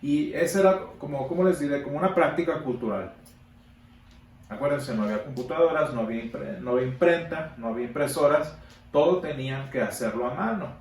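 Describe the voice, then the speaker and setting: A man teaching a Sunday school Bible class, emphatic, repeating words for stress and pausing on fillers. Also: medium pitch, expressive. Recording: echoey room from a distance, faint background noise.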